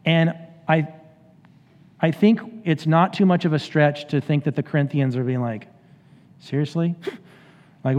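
A man's voice: a little high, in a large hall, highs cut off. A male pastor preaching a sermon in a casual, conversational way, acting out scripture voices. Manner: conversational, animated paraphrasing of scripture.

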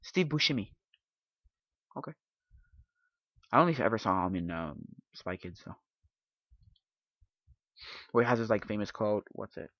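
A man hosting a podcast in casual chat, rambling and halting as he thinks aloud. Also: on the low side, expressive, fairly bright tone, dry recording. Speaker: podcast host. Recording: dull lo-fi dry sound.

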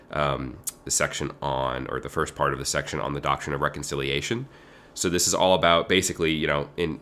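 A man co-hosting a theology podcast, sounding nasal from allergies, explaining thoughtfully with halting restarts. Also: rumbling low, bright, forceful tone. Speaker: podcast co-host. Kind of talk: casual theology podcast chat.

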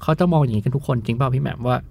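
A man's voice: mid-range voice, steady tone, very fast, gravelly, a little mellow, no room sound. A man hosting a podcast, casually posing probing questions to his guests. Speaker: podcast host. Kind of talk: casual discussion.

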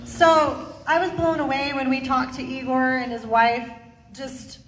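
A woman organizing a meeting, addressing the audience in an animated, emphatic way. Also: high-pitched, unhurried, a little hiss or hum. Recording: distant mic in echoey hall.

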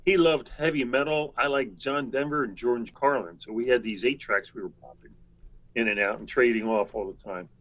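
A man's voice: mid-range voice, lo-fi sound. Older man telling rambling anecdotes. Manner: rambling, chuckling, quick asides. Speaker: guest. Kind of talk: anecdotal storytelling.

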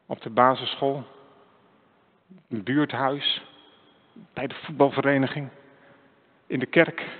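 Earnest preacher, tinny echoey church recording. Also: male voice, mid-range voice. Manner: earnest, direct address to listeners with rising questions. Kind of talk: sermon with personal story. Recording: echoey church hall, tinny phone-like sound.

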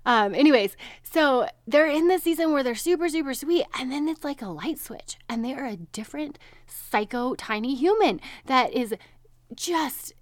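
A woman in her thirties, a registered dietitian, hosts a casual solo podcast, chatting in a bubbly way and laughing often. Her voice sits high and sounds nasal and stuffed up from allergies, with lively intonation at a moderate pace. The recording has no echo.

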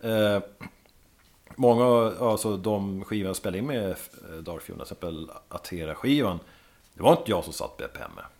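A man with a fairly low voice tells lively stories in a casual chat, swearing freely as he goes. He speaks as a guest drummer recalling life on the road.

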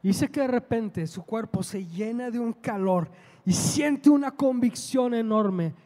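Preacher guy, really high voice, storytelling sermon, big hall echo. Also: unhurried. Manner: storytelling, emphatic, rising to loud preaching.

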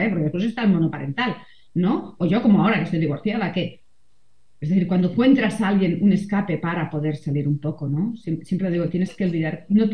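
Reflective middle-aged woman, roomy sound. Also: fairly low pitch. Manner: reflective, frequent tag questions. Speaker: guest, columnist and mother. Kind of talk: conversational interview. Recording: roomy, slightly dull sound.

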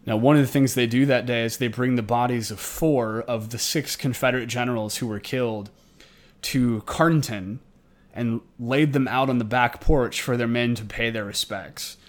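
A man narrates history as a podcast co-host. His voice sits at an average pitch, and he follows a semi-scripted account. He is recording indoors, up in the attic of an old house. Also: fairly even intonation, normal speed, hardly any pauses. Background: air conditioning may be running.

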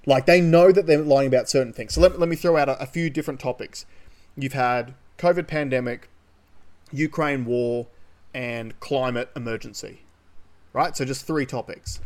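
A podcast co-host from Australia talks through the news in a relaxed, opinionated way, his mid-range voice a little mellow. His humor is sardonic and he drops in the occasional casual swear word.

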